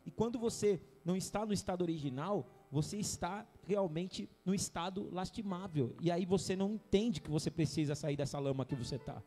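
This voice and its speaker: A man's voice: high voice, fairly quick, hardly any pauses, warm tone, big-room sound, soft background music. A man pastor preaching a fervent sermon in a church, mixing scripture with joking asides.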